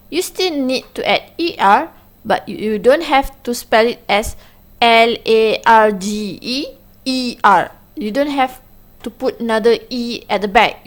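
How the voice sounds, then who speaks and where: A woman teaching an English lesson, her voice sitting a little high. She explains patiently, slowing down on key words and switching between English and Malay. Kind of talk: classroom lesson narration.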